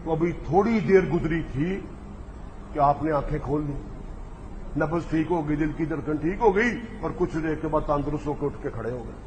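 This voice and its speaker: In an echoey hall with faint background noise, a man gives a polemical religious speech as a mocking storyteller who acts out the exchanges he recounts. He speaks at a moderate pace in a slightly high voice.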